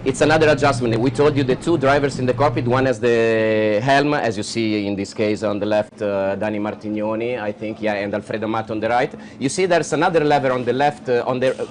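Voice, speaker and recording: A man's voice: mid-range voice, steady tone, a little fast, few pauses, a little hiss or hum. Male co-commentator explaining technical detail. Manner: explanatory, many uh fillers, non-native phrasing. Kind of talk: live sports commentary.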